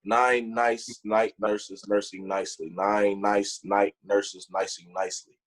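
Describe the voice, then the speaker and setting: Chill guy on a podcast, lowish voice, slow easy talk, stumbles thru tongue twisters. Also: little pitch movement, poor audio. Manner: laid-back, laughing, cursing. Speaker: podcast host. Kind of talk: casual chat, reading tongue twisters.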